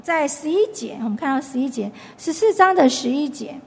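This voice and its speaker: A woman's voice: high-pitched, lively intonation, a little fast, gravelly, darkish tone, big-room sound. A woman giving a chatty Bible lesson, retelling the story and restarting her sentences often. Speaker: Bible study teacher. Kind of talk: conversational Bible teaching.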